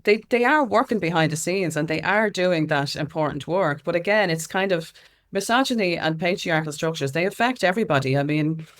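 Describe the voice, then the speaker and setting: A woman with an Irish accent and a lowish voice talks briskly and with animation as a guest in a conversational interview. She's an activist and music consultant, and her answers are earnest and outspoken.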